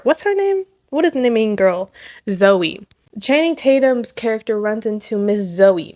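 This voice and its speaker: A woman giving casual, gushing movie commentary, excitable and full of slang, laughing often. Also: fairly high pitch, no echo, clean studio sound. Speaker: commentary host.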